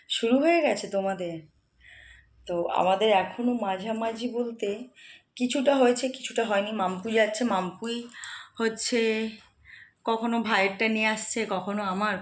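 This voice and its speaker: A middle-aged woman, chatting casually to her viewers at home while she has a cold and a stuffy nose. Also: mid-range voice. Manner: chatty, homely, addresses viewers directly. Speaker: lifestyle vlogger.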